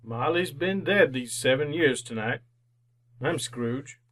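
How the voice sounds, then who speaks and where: A man's voice: medium pitch, lively intonation, slow pace, a bit bright. An actor playing a miserly, cold-hearted, crotchety older businessman in old-time radio drama style, curt and scornful. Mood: cold, sardonic.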